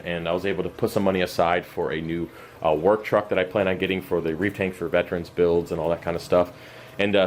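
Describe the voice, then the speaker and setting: Walking through his messy home fish room, this aquarium channel host rambles through an unscripted update in a very low, hoarse voice that is running out. His throat is scratchy, he sounds exhausted, and his talk is loose and full of fillers, pauses and restarts. The camera mic following him catches a faint hum in the background.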